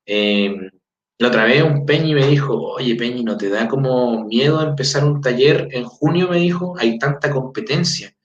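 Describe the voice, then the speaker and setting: This Chilean man, an adult with a daughter aged four, talks at a moderate pace in a mid-range voice while teaching his language informally. His conversational style leans on fillers and constant "¿ya?" checks as he reads out listener greetings. A roomy, distant, dull lo-fi recording carries it.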